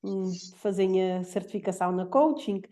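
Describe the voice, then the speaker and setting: A woman hosting a live conversation, speaking slowly and thoughtfully, with hesitations. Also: mid-range voice, dark tone. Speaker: host of a live talk.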